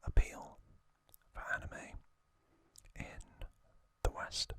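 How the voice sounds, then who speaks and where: The host of an ASMR trivia channel narrates in a breathy, unvoiced whisper, hushed and deliberate, pausing often.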